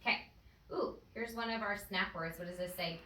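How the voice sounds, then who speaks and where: A woman's voice: medium pitch, normal speed, pushed and bright, a little hiss or hum. A woman teacher leading a phonics lesson with a child in a classroom, patient and encouraging. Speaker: first-grade teacher. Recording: echoey classroom audio from far off.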